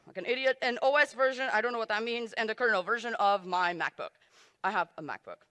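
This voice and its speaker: A woman's voice: on the high side, quick pace, fairly bright tone, clear, resonant tone. A woman giving a live coding talk at a conference, joking at her own expense as she types. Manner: self-deprecating, joking asides while typing. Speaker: conference speaker. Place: conference stage in a large hall. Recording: reverberant hall.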